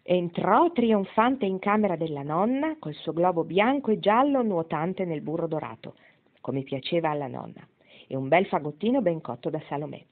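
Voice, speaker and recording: A woman narrates a novel in a measured, even way. Her voice sits on the low side. The recording is thin and tinny, like a phone line. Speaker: audiobook reader. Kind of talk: reading a novel aloud.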